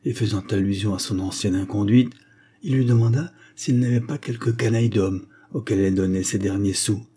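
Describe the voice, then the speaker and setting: A man reading a classic novel aloud as an audiobook narrator, steady and measured. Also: fairly low pitch, slightly rough. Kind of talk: scripted literary narration.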